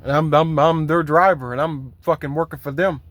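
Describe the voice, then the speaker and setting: A man's voice: a little high, steady tone, a little fast, fairly bright tone, dry recording. A man who drives a truck, venting in a loose, rambling vlog rant full of swearing and aggravated complaints. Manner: heavily profane, aggravated complaining; loose, rambling with fillers and repeats.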